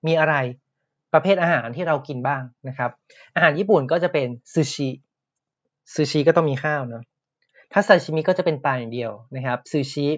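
A man teaching Japanese words in a podcast lesson, explaining patiently and repeating each word slowly. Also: on the high side, a bit bright, muffled recording.

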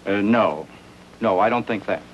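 An actor playing a polite, easygoing, mild-mannered newspaper reporter in a 1950s TV commercial, with old broadcast sound. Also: male voice, fairly low pitch, moderate pace, lo-fi sound, slight background noise. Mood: friendly.

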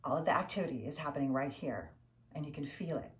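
An older woman teaching a guided breathing lesson as a yoga instructor, talking in measured short phrases with pauses. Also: deep voice, animated. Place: furnished living room, indoors.

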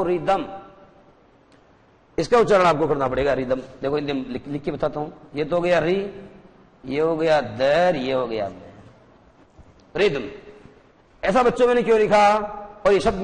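A male teacher giving a televised English lesson to school students. He explains slowly and repeats words, mixing Hindi with English. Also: on the high side, in a large hall, poor audio.

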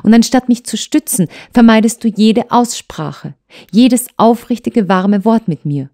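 A woman voicing a hurt young wife who pleads and reproaches her husband with urgency, in a mellow tone. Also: lowish voice, a little slow. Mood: reproachful.

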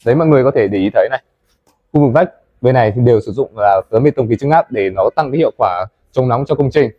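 Speaking quickly and animatedly into a lapel mic, a young-adult company presenter leads a tour of a big wooden café being built, addressing the audience as "mọi người." His pitch is medium, and the indoor audio sounds dull with no echo.

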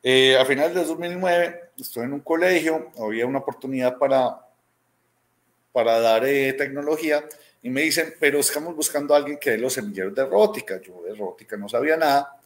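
A robotics teacher in his thirties, with a Medellín Colombian accent, is interviewed over a video call from a small room at home. His voice sits at medium pitch and moves fairly quickly as he tells stories casually, acting out quoted dialogue and often adding "¿cierto?".

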